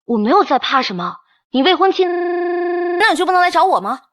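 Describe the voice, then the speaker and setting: An actress playing a spirited young woman roommate who talks in an indignant, lively way. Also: extremely high pitch, brisk, faint music behind.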